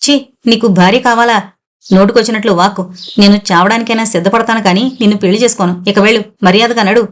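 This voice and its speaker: A woman's voice: medium pitch, fairly even intonation, fast, close to an everyday voice. Proud defiant young heroine, fiery and blunt, read by a woman narrator. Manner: indignant, fiery.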